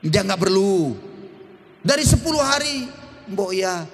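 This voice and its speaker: A middle-aged man preaching a lively, humorous sermon in a church, drawing call-and-response from the congregation. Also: high-pitched, measured pace, a little hiss or hum. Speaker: pastor. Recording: long church-hall reverb.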